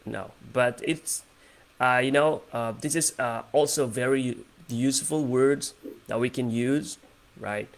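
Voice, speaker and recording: This Indonesian-accented man leads an informal English practice session on a video call, faltering often with fillers and restarts. He speaks a little slowly in a steady, creaky, medium-pitched voice.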